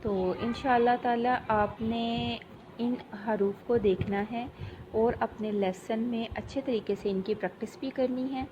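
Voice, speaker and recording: A woman teaching Quran recitation rules, slowly drawing out each sound to demonstrate, then explaining briskly. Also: on the high side. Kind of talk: tajweed lesson. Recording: dull lo-fi recording with faint background noise.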